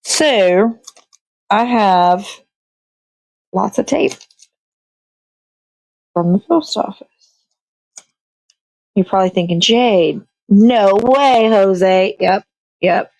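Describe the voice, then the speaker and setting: A woman hosting a casual crafting show chats and rambles, correcting herself as she goes, speaking very slowly with frequent pauses. Her voice is medium-pitched and darkish, and the poor-quality audio has no room sound.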